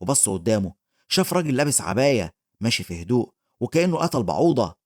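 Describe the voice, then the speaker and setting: A man with an Egyptian Arabic accent rapidly retelling a comic story as a recap narrator. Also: medium pitch. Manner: rapid, steady retelling, reads character quotes in his own voice.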